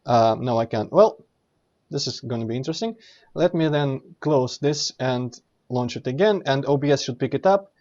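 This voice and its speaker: A man's voice: mid-range voice, expressive, normal speed, darkish tone. Rambling male game streamer, slightly muffled. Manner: rambling, self-correcting, explanatory. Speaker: streamer playing and commenting. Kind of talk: casual let's play commentary.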